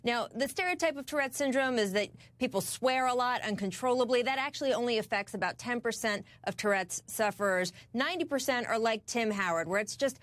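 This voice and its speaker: American woman sports reporter, kinda high voice, dry studio sound, chatty and emphatic. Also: fairly quick, few pauses, no echo. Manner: enthusiastic, emphatic. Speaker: sports correspondent on a news broadcast. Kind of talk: conversational news reporting.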